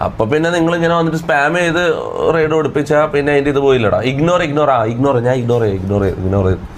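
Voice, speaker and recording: Fast-talking irritated Malayali streamer man. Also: mid-range voice, a little hiss or hum. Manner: irritated, lecturing, repeats himself. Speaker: livestreamer. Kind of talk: live-stream rant to chat.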